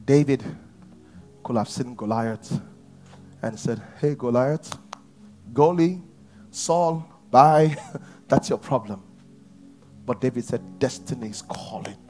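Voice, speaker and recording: A pastor in his thirties with a Nigerian English accent, preaching a sermon on a large church stage and swinging from shouts to near whispers. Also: mid-range voice, slow, long pauses, faint music behind.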